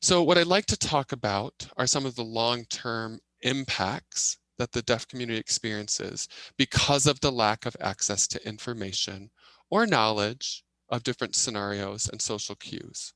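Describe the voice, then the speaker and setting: A man voices a signed presentation as a simultaneous interpreter. His voice is bright and forceful at a medium pitch, and his phrasing comes in short, halting bursts. The sound is close and dry. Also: no room sound, low-quality recording. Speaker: sign language interpreter voicing a deaf presenter.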